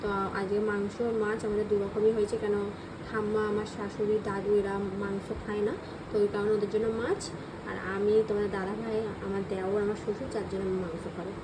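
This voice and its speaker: A woman with a West Bengal Bengali accent talking quietly and casually to her viewers so as not to wake her sleeping child. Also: mid-range voice, little pitch movement, fast, noisy background. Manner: speaks softly so the baby keeps sleeping. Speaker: vlogger. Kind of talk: hushed casual vlog talk.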